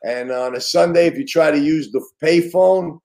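A man's voice: fairly high pitch, normal speed, vocal fry, darkish tone. An older or middle-aged man with a Brooklyn accent, casually reminiscing as an interview guest in a streetwise, loosely phrased way. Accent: Brooklyn New York. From Brooklyn, New York. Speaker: interview guest, retired police detective.

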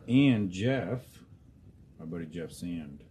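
Reading listener responses aloud, a podcast host curses freely and stumbles over names in a relaxed, casual show. His voice sits low and warm, with lively intonation and a slow delivery, over a noisy background.

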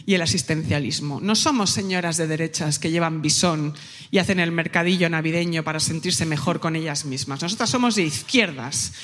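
A woman hosting a live comedy podcast on stage, talking in a lively, mocking way. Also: sits low, brisk. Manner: lively, mocking, mimics others in quotes. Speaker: podcast host. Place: live stage before an audience. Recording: long hall reverb.

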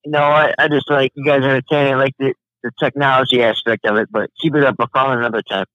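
A man's voice: mid-range voice, fairly even intonation, quick pace, no room sound, dull audio. A man from Alabama calling into a live podcast, speaking with a thick Southern Alabama accent and a joking, teasing manner. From Alabama, USA. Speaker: caller. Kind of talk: casual call-in banter.

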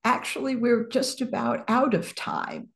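A woman's voice: on the high side, huge pitch swings, measured pace, fairly bright tone. A woman hosting an interview, speaking in a courteous and appreciative way.

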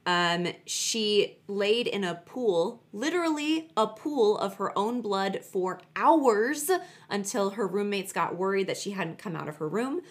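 A woman's voice: mid-range voice, animated, measured pace. A woman co-hosting a podcast, telling true crime stories in a chatty, emphatic way and repeating words for stress. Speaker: podcast co-host.

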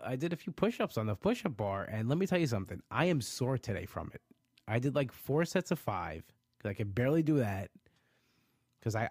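This man's voice sits at a medium pitch with a slightly mellow quality, captured dry in a clean studio. Congested from allergies, he chats casually with livestream viewers about losing weight, reading their comments. His talk rambles, full of restarts and "you know."

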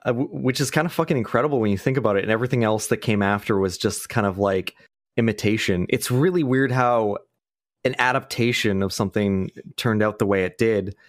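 A man chatting casually as a podcast guest. He swears freely and tells stories with lively energy. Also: on the low side, a little fast, dry recording, clean studio sound. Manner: swears freely, laughs easily, animated storytelling. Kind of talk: casual chat.

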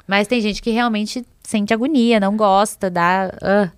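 A woman's voice: medium pitch, steady tone, a little slow, clear, resonant tone, no echo, clean studio sound. A young woman chatting casually as a podcast guest, rambling and giggly, often cutting herself off. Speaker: podcast guest, ASMR content creator. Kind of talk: casual chat.

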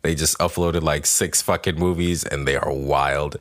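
Male podcast co-host, deep voice, slangy bro manner, loose casual conversation. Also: steady tone, moderate pace. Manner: bro-ish slangy talk full of "bro", "dude" and swearing.

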